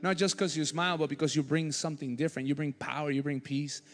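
A man preaching a sermon as pastor, passionate, swinging between loud bursts and hushed lines. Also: a little high, steady tone, fast talker. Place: church sanctuary. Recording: church hall reverb with soft music behind.

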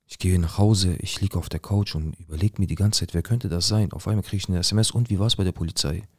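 Low-voiced young street dealer played by a guy, paranoid, cursing a lot, dry close sound. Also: fast talker, slightly rough, no echo. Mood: tense. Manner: coarse slangy swearing. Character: paranoid young male drug dealer, rough-talking. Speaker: narrator of his own story. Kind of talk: dramatic first-person monologue.

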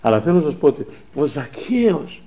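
A man with a Pontic Greek accent preaching a testimony sermon at a church service, telling his story in animated fashion, acting out the dialogue and often breaking off to thank God. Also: fairly high pitch.

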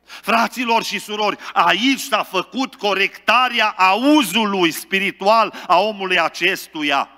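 A man preaches with a high, piercing, brilliant voice, his words carrying a long reverb through a large church hall. He delivers a fervent sermon, rising at times to loud, exalted exclamations. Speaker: pastor.

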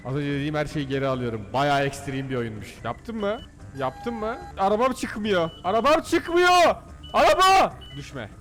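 A man commentating as he plays computer games, excitable and jokey, often shouting at the game. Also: medium pitch. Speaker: gaming YouTuber. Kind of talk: let's play commentary.

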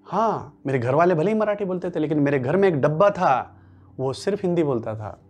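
Man, Marathi native speaker, lecturing, lively swooping pitch, rhetorical questions, faint music behind. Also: brisk. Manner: rhetorical questions and repetition, animated rising and falling delivery. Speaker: language teacher. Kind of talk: workshop lecture.

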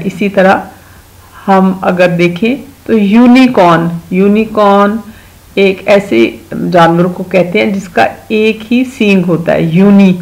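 A woman with a Pakistani accent and a mid-range, gravelly voice gives a home-school lesson on English vowels to children. She explains slowly and patiently, drawing out each example word so the sounds come through clearly. The audio is poor.

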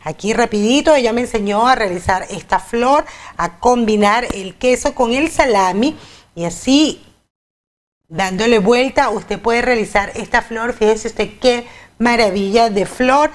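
On a studio kitchen set, a TV host presents a cooking segment with a lapel mic, cheerfully talking right to the viewers. She has a slightly high voice and speaks a little slowly.

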